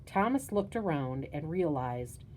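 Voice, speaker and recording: Low-voiced lady reading a spooky kids story, slow and hushed, bit of hiss. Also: big pitch swings, rough recording. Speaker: audiobook narrator. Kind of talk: scripted narration of a spooky children's story.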